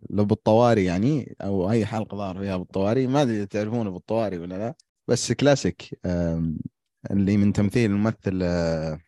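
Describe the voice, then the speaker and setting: A man's voice: on the low side, rapid-fire, mellow, no echo, studio quality. A man with a Saudi accent chatting casually as a podcast panelist. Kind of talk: casual chat.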